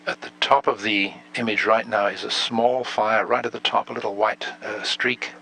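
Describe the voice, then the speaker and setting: A man giving halting, explanatory live commentary on video pictures. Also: lowish voice, steady tone, creaky, pushed and bright, rough recording. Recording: faint background noise.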